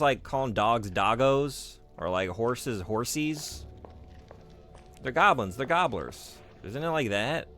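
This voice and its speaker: A man's voice: medium pitch, a bit bright. A man streaming a video game, chatting casually and joking with his chat. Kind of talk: casual chat while playing.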